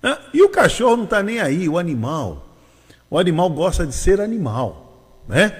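A man's voice: high voice, wildly swooping pitch, moderate pace, slightly rough, long reverb tail. A man hosting a morning radio show from São Paulo, chatting casually and laughing often, with a Brazilian Portuguese accent. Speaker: radio host.

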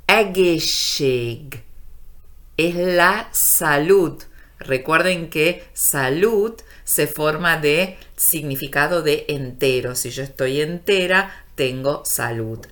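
Slow, low-voiced woman teaching a language. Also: fairly bright tone. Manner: slow, deliberate, stretching out words for learners. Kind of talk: radio language lesson.

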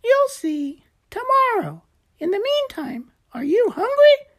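A woman's voice: very high voice, big pitch swings, slow pace, voice pushed up, heavily acted. A woman voicing an eager, cheerful little male gecko who coaches his friend in a storybook reading, chirpy and encouraging.

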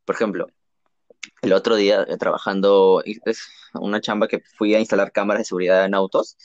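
A man's voice: lowish voice, level tone, fairly quick, no room sound. Reflective young man, muffled dry sound. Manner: reflective, rambling storytelling with restarts. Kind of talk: casual chat.

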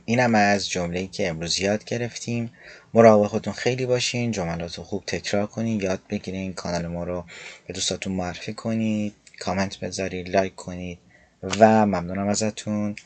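A man teaching an online language lesson, explaining and slowly demonstrating pronunciation step by step. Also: lowish voice, no echo. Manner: slow, careful pronunciation demonstrations.

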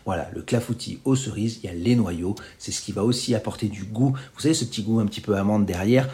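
A man hosts a food programme on the radio in a relaxed, conversational way. His voice is warm and mellow, and he slips in gentle, playful irony while guiding listeners step by step. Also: fairly low pitch, quick pace. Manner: chatty, playfully ironic. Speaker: radio host. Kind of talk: casual radio food talk with recipe.

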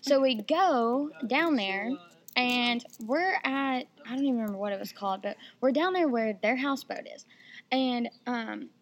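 A woman's voice: on the high side, normal speed. A young woman, a podcast guest rambling through a beach-trip story with lots of "um" and "like". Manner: rambling, filler-heavy. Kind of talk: casual storytelling chat.

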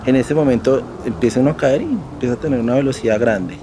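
A man's voice: medium pitch, quick pace, noisy background. A Colombian man recounting a personal ordeal for a documentary podcast, vivid and profane, acting out his own quotes. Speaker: interviewee, skydiver.

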